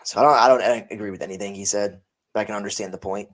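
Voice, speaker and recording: A man's voice: on the low side, steady tone, very fast. A tired man co-hosting a casual podcast chat, rambling and correcting himself as he goes. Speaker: podcast co-host.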